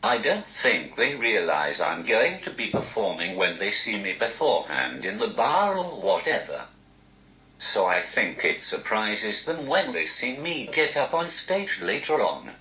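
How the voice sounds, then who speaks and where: A man speaks through a posh-sounding, robotic text-to-speech voice, set very low but swinging widely in pitch. The delivery is slow and deadpan, with dry self-mockery. The sound is bright and hard, heard in a roomy, echoing space. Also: slight background noise. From Newcastle, England. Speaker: stand-up comedian. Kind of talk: interview answers typed into a speech device.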